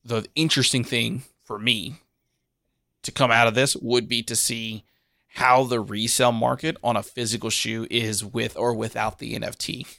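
A man's voice: medium pitch, flat delivery, moderate pace, gravelly, bright, forceful tone, dry recording, studio quality. A man co-hosting a casual podcast, musing and thinking aloud. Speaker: podcast co-host. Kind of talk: casual chat.

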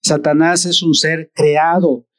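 Un predicador con acento mexicano que da un sermón de forma lenta, deliberada y enfática. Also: male voice, on the high side, flat delivery, dry recording, clean studio sound. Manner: slow, deliberate, emphatic preaching. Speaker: preacher. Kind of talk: sermon.

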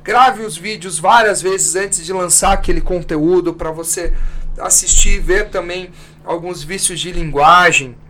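A man on a podcast giving relaxed, frank advice in casual chat, with offhand swearing. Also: high voice, a little slow, a little hiss or hum. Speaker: podcast co-host.

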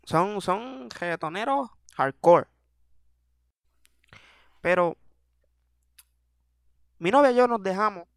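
A young Puerto Rican-accented man hosts a podcast, delivering an animated, self-mocking comedic monologue full of slang. His voice sits high and creaky, slow and often pausing, in dry studio-quality sound.

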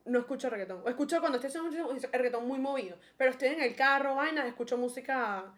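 A young woman with a Venezuelan accent, co-hosting a podcast in quick, chatty, opinionated conversation. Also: high voice, fairly bright tone. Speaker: podcast co-host. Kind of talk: casual chat.

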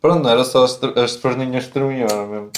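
A man's voice: medium pitch, steady tone, fast talker, slight background noise. A young man in a casual chat, talking in slang and swearing freely. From Portugal. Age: young adult. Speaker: podcast co-host.

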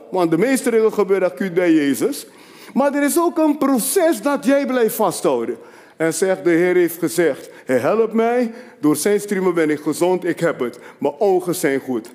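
A man with a fairly high voice preaching a sermon in a large church hall, where a long reverb trails his words. He swings between quiet, confiding asides and loud, rising declarations. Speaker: apostle preaching.

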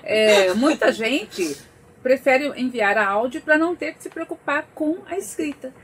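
A woman's voice: high-pitched, expressive, measured pace, a crowd in the background. A woman hosting a talk show, asking questions in a friendly, curious way. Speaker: host. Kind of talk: casual talk show chat.

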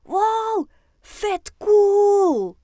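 A woman voicing a lively, easily amazed little girl in a children's audiobook, excited and impatient in how she speaks. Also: sits high, unhurried, dry recording, studio quality, pitched above the performer's own voice. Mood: squealing.

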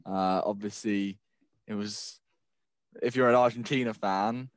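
A man's voice: lowish voice, steady tone, unhurried, no echo. A man hosting a casual sports chat, teasing his co-hosts with banter. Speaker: podcast host.

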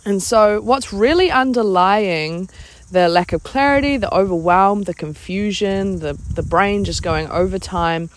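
A woman giving casual, encouraging motivational talk as a podcast host, pausing often as she finds her words. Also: mid-range voice. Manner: informal, encouraging, hesitant with pauses. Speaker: podcast host, life coach. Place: outdoors. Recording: outdoors with clear background insect noise.

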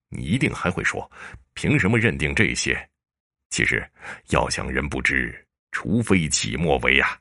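A man voicing a shrewd, calm male prefect judge who speaks in a dry, measured, sternly mocking way. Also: very deep voice, vocal fry, full character voice.

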